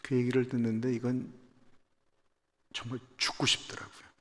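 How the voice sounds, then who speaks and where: A Korean-born man in his fifties, a pastor giving a personal testimony sermon at a dawn service, moving from quiet confession to loud emphatic proclamation. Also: medium pitch, completely flat delivery, normal speed. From South Korea. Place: church sanctuary. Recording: long church-hall reverb.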